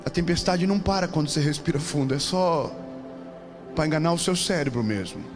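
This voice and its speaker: A man preaching a sermon with a Brazilian Portuguese accent, moving between calm, conversational teaching and loud, repeated, impassioned declarations. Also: on the high side, a little fast, music in the background.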